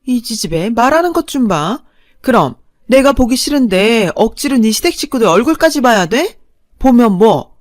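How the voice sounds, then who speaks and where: A woman voicing a bitter elderly mother who scolds her daughter in shrill, scornful tones, in a radio drama reading. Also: very animated, moderate pace, a little mellow, dry recording, clean studio sound.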